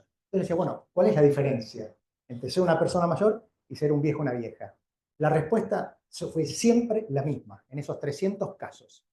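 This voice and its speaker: In an echoing indoor lecture venue, an Argentine doctor with a higher but dark-toned voice gives a keynote, framed as an informal public talk to a live audience. He explains in a conversational, didactic style and frequently checks in with questions.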